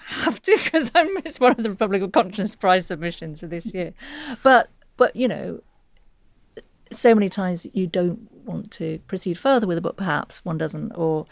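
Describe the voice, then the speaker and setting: A woman's voice: fairly low pitch, no room sound. Woman panelist on a book podcast. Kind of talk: literary discussion.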